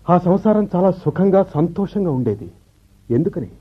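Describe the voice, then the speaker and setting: In a 1970s radio drama, a male actor plays a bitter, reproachful middle-aged husband, a clerk who has been left behind. He speaks slowly and reflectively in a high, animated voice with a breathy edge, and the audio has the dull sound of a vintage broadcast.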